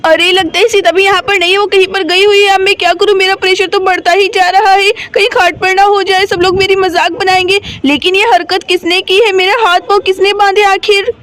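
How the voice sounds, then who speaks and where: A woman's voice: very high voice, fairly even intonation, fairly quick, few pauses, fairly bright tone. A woman voicing a sick mother in a doll story, fretting anxiously and asking over and over what to do. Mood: worried. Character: sick, tied-up mother, fretful and panicky.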